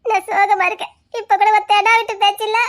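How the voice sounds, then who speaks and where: Woman doing a sulky young girl, snaps threats, real high and bright, talks fast, tamil accent. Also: flat delivery. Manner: scolding, sulky, flaring into threats. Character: teary, sharp-tongued young woman sulking over love. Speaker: young woman in a romantic web drama. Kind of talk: comic romance skit acting.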